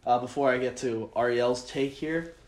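A man hosting a podcast, steering the talk in a measured way with filler ums. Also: medium pitch. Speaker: podcast host. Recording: echoey room.

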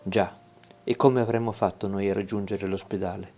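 A man narrating a fantasy story in the first person, in a subdued, hushed storytelling manner. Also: fairly low pitch, fairly even intonation, moderate pace, soft background music. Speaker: audiobook narrator.

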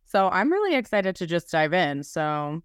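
A woman with a lowish, sing-song, smooth voice hosts a podcast at a moderate pace, keeping it casual and chatty. Her phrasing is informal and she fills it with "like" again and again. The recording is dry and studio quality.

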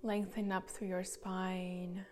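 A woman guiding a grounding meditation, talking softly and slowly, with some words breathed out in a whisper. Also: lowish voice, level tone, soft background music. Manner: slow, soft, partly whispered guidance. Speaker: meditation guide. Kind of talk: guided meditation.

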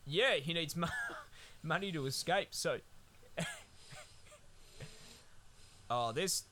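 A man's voice: a little high, lively intonation, slow pace, noisy background. A man co-hosting a podcast, recapping a film in a rambling, sweary, laid-back way. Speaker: podcast co-host. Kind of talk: casual film-review chat.

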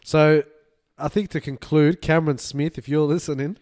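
A man's voice: fairly high pitch, fairly even intonation, moderate pace, darkish tone. A man co-hosting a sports podcast, teasing his partner and steering the casual chat. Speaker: podcast co-host.

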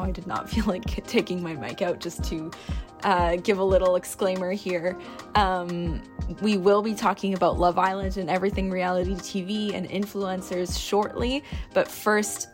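A woman co-hosting a podcast in casual chat, heard on low-quality audio because she is not using her usual microphone. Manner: relaxed, chatty, laughs between phrases. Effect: low-quality audio recorded without her usual mic. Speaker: podcast co-host.

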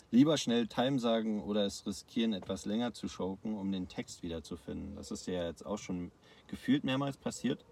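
A man hosting a podcast, casually reading out listener questions in relaxed slang. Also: on the low side, moderate pace, gravelly, slightly rough. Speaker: podcast host. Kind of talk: casual interview chat.

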